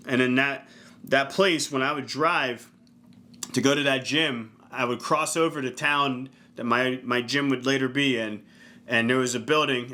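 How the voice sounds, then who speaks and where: A man in his thirties with a bright, clear-cut voice gives an earnest motivational talk as a fitness coach. He speaks casually and keeps tossing in "right?" to pull the listener along. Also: medium pitch. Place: indoor room.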